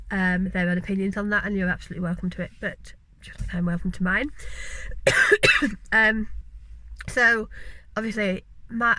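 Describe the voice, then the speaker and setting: Bright-voiced Yorkshire woman vlogging. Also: medium pitch, no room sound, rough recording. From West Yorkshire, England. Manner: chatty and earnest, frequent ums and tangents. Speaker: vlogger, mature law student. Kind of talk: casual talking-to-camera vlog.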